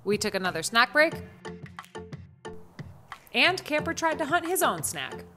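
A woman's voice: sits high, sing-song, a little slow, music in the background. A woman giving light voice-over narration for a travel vlog, telling the day in a storytelling way.

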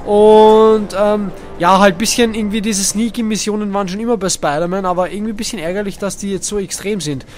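A man giving playful, hammy gameplay commentary, dropping in English phrases and sudden shouts. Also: sits high, fairly even intonation, fairly quick, few pauses, soft background music. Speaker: let's play gamer.

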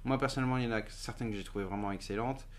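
A man's voice: mid-range voice, very fast. Hesitant man reviewing a film. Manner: hesitant, many fillers and restarts. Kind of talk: casual spoken film review.

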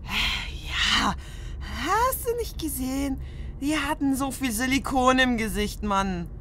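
A cheeky, stubborn pony princess acted by a woman in a fan audio drama, high-voiced and swinging widely in pitch. She slurs and argues at a slow drawl, with some noise in the recording. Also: expressive, fairly bright tone, exaggerated voice. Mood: tipsy, defiant. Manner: slurring, drawling, argumentative.

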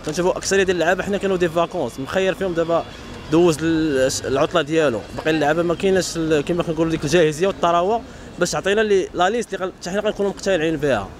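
Speaking with a Moroccan accent, a man gives an indignant, emphatic opinion in a street vox pop interview. His voice is a little high and racing, and there's a slight hiss or hum.

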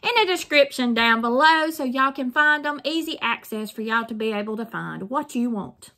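A woman's voice: a little high, animated, normal speed, pushed and bright. A middle-aged woman with a Mississippi Southern accent, chatting casually in a folksy, rambling way as she shows craft purchases. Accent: Mississippi Southern American. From Mississippi, United States. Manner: folksy, rambling, repeats herself. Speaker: craft vlogger. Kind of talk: casual unboxing chat. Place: small plain room indoors. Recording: noisy room, crinkling plastic.

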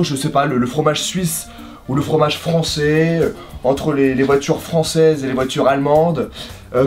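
A man's voice: on the high side, a little mellow. A man in his thirties hosting a casual food vlog, joking and teasing his cameraman. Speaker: food vlogger host.

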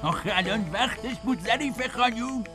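A man's voice: very high voice, music in the background. A man dubbing an exasperated, grumbling middle-aged village headman. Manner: exasperated, complaining. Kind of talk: dubbed TV drama.

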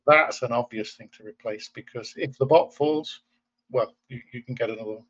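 Musing husky man on a muffled video call. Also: mid-range voice, moderate pace, a bit bright. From England. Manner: thoughtful, musing, restarts phrases. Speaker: host. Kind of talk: casual video-call interview. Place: indoor room at home. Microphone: webcam video call.

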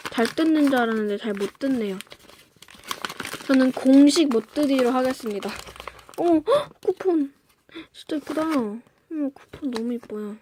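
Young woman, casual unboxing chat, excitable and breathy with whispers, fairly high pitch, faint background noise. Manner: excitable, gushing, often gasps and drops to a whisper. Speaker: fan vlogger reviewing merchandise.

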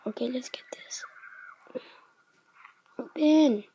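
A woman's voice: on the high side, slow pace, gravelly, warm tone, a little hiss or hum, poor audio. A woman giving chatty let's-play commentary on a mobile game, narrating each move and often dropping to a half-whisper.

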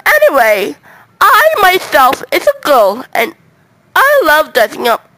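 Cartoon boy cat, played by a woman, in a squeaky sing-song girly put-on, slow and bright, dry close sound. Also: no echo, full character voice, low-quality recording. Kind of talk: fan-made cartoon dub.

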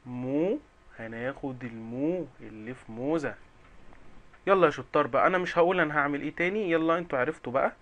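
A man's voice: on the high side, quick pace, fairly bright tone. A man with an Egyptian Arabic accent teaching young children the alphabet, sounding out syllables one by one in a cheerful, coaxing way.

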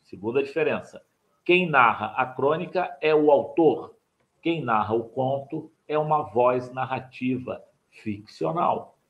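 Through a webcam in his home study, an older writing teacher walks viewers through a short live lesson in a didactic way, going over key points again and urging them to like and subscribe. His mid-range voice is lively yet unhurried, and the audio sounds dull.

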